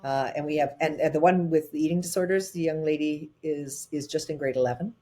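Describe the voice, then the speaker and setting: A woman with a low-pitched voice, on as a guest and working as a tech advisor, narrates her experience conversationally. She's animated, picks up speed often, and fills gaps between phrases with "um" and "uh."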